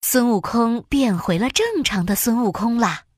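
A woman narrating a children's storybook in an expressive, sing-song storytelling way. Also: a little high, normal speed, no room sound, studio quality.

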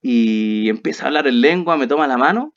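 A young Chilean podcast co-host tells a personal story in a casual, animated way, laughing often and acting out the quotes. He has a mid-range voice and speaks fairly quickly, and the lo-fi audio sounds slightly dull.

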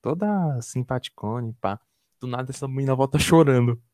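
A man's voice: mid-range voice, brisk, dry recording, studio quality. A young man from Brazil telling a story in a casual chat, slangy and swearing, acting out what other people said. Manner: animated storytelling, slangy and profane, acts out others' lines.

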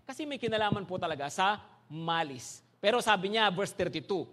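A man with a Filipino accent preaching a sermon to a congregation, animated and full of rhetorical questions that check the listeners follow along. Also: sits high, brisk. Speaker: pastor. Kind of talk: bilingual sermon.

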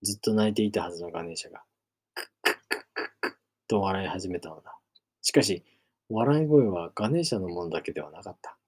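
A man narrates a novel in a low, husky voice. His reading is even and measured, steady from line to line. It is scripted storytelling read aloud. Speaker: reader.

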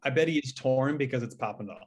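A man's voice: mid-range voice, quick pace, breathy edge. A man co-hosting a podcast in casual chat, rambling with lots of fillers and casual swearing. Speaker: podcast co-host.

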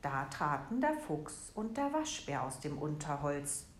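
A woman reading a bedtime story aloud in a gentle, storytelling way. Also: sits low. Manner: slow, gentle, lively storytelling. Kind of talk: storybook narration. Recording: echoey room, faint noise.

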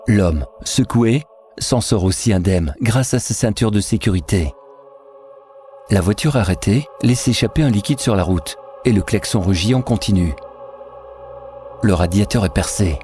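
Low-voiced man narrating a story. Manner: steady, descriptive telling. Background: music.

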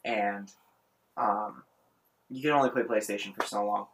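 A man's voice: lowish voice, a little slow, slight background noise. A man co-hosting a podcast in casual chat, telling a childhood story with frequent laughter. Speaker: podcast co-host.

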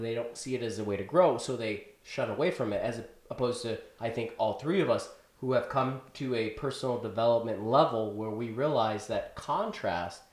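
Earnest lecturing man, echoey room. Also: lowish voice. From Chicago. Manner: earnest, lecturing, keeps talking over others. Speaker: podcast host. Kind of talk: casual podcast chat.

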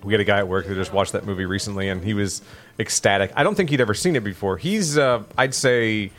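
A man's voice: fairly low pitch, fast talker, faint music behind. A man co-hosting a podcast, chatting casually and joking while coaching his friend through a video game. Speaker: podcast co-host. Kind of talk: casual gaming chat.

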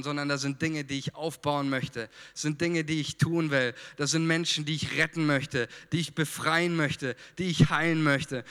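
Franconian guy preaching, chatty with the congregation, bright voice, echoey church hall. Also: fairly high pitch, clean tone. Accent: Franconian German. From Franconia, Germany. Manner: lively, addresses congregation directly with fillers and humor. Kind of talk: sermon.

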